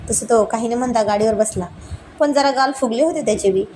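Woman reading a love story, highish voice, steady, slight hiss behind. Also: brisk, rough recording. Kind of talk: romantic story narration.

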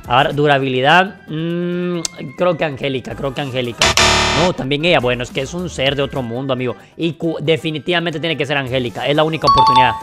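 A man reacting to a video game in casual, excitable commentary that he talks straight to his viewers. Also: medium pitch, fast talker, over music. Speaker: gaming video creator.

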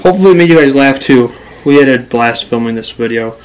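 A man's voice: mid-range voice, fast, clear, resonant tone. A man co-hosting a casual vlog at home, joking and laughing along. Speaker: vlog co-host. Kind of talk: casual chat. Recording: echoey, distant room sound.

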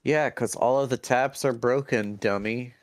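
A man's voice: mid-range voice, steady tone, a little slow. Sarcastic man riffing over gameplay. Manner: sarcastic, reads game text aloud. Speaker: let's play co-host. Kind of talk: casual gameplay commentary. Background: game music.

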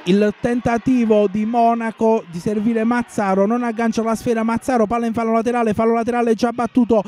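A man's voice: very high voice, flat delivery, brisk, darkish tone. A male sports commentator giving urgent live play-by-play of a futsal match, repeating phrases for emphasis. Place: indoor sports hall during a match. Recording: noisy sports hall ambience. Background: clear match noise.

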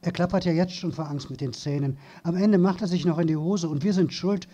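A mocking, cruel teenage bully, read aloud by a man sneers at his victim. The tone is mellow and dark, slightly high-pitched, in a storybook reading. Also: fairly quick, highs cut off, natural voice.

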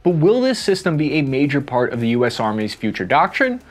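A young man narrates a scripted video essay. His pitch rises and falls a lot, and he drops wry, playful asides into the reading. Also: big pitch swings, brisk, faint music behind.

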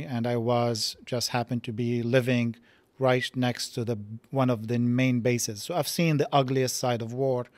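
A man in his forties from Lebanon, a podcast guest speaking reflectively and haltingly, with many restarts, in a studio interview. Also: medium pitch, darkish tone, no echo. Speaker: podcast guest, physics professor. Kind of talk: casual interview talk. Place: studio set with dark curtains. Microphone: boom mic on stand.

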